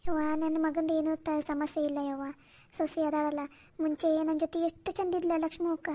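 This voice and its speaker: A fretful older village mother-in-law, voiced by a woman with a North Karnataka Kannada accent, pouring out her worries in a plaintive way. Her voice sits high and thin. She sounds like a cartoon grandmother. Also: little pitch movement, moderate pace, warm tone, natural voice. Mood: worried. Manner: complaining, plaintive. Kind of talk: cartoon voice acting.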